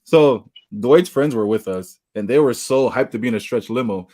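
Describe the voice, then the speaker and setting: With a medium-pitched voice and moderate pace, this man co-hosts a laid-back podcast. He laughs a lot as he tells his stories, recounting them in a lively way.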